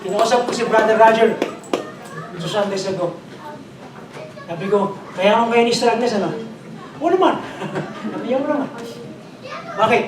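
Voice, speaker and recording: Captured from a distance in a big, echoey church hall, this high-pitched man preaches a humorous sermon as pastor, mixing Tagalog with English and imitating people he's spoken with. There's background noise, and the congregation answers him.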